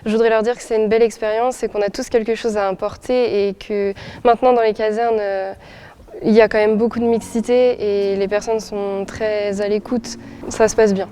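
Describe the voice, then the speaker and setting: A woman's voice: medium pitch, flat delivery, normal speed, warm tone, clear, resonant tone. A woman in her twenties, a nurse and volunteer firefighter, speaking eagerly in an interview with many hesitant fillers. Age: 20s. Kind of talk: interview testimony.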